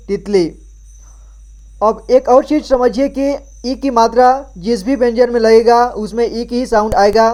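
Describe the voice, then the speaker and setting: A man's voice: high voice, dark tone. A man gives a patient reading lesson, building words syllable by syllable. He repeats each sound and keeps turning to the listener to read it back. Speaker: Hindi reading teacher.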